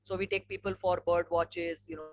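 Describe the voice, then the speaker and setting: Higher-voiced man with an educated Indian English accent. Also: flat delivery, a little fast. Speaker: webinar speaker, environmental educator and trek leader. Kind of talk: informal slide presentation with anecdotes. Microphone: online webinar microphone. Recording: clearly noisy webinar audio with hum.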